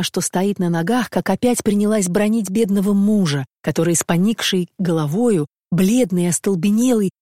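A woman reads a classic novel aloud as an audiobook, narrating the scripted prose in a steady, measured storytelling manner. Her voice is mid-range, captured as clean studio sound with no room sound.

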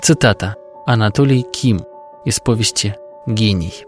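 A man reading a literary passage aloud in an even, solemn manner. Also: fairly low pitch, a little slow, over music. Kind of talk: read-aloud literary quotation.

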